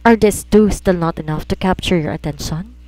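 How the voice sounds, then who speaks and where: A woman's voice: on the low side, moderate pace, dark tone, close to an everyday voice. A woman voicing a desperate young woman pleading with the man she loves in an audio romance story. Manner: pleading, emotional.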